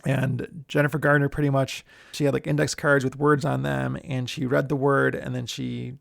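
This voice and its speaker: A man who hosts a screenwriting show, giving writing tips in a relaxed, chatty way. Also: medium pitch, moderate pace, creaky, no echo, studio quality. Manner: relaxed, chatty, many fillers. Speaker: screenwriter and podcast host. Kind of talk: casual instructional talk.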